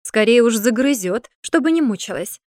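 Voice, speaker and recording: A woman's voice: a little high, lively intonation, moderate pace, a little mellow, no room sound, clean studio sound, close to an everyday voice. A woman voicing a cheeky, stubborn young woman who argues insistently and teases in a storybook reading. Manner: teasing, insistent.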